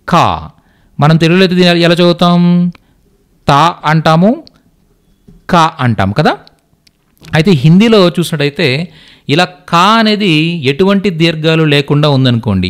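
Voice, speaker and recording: A man with a Telugu accent teaching Hindi letters, sounding out syllables slowly and often checking that his students understand. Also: fairly high pitch. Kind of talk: language lesson explaining letters.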